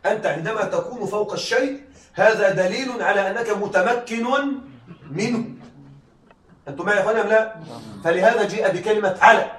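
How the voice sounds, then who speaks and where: Man lecturing in an echoey classroom. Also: high-pitched. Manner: keeps checking students follow. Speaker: rhetoric teacher. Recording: echoey classroom, distant mic, faint hiss.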